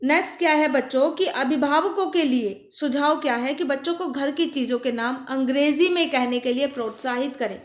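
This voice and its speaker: Woman schoolteacher for a children's phonics lesson; high voice, patient repeat-after-me delivery, roomy echo. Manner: asks questions and answers them herself, repeats words slowly. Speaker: teacher. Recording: echoey room.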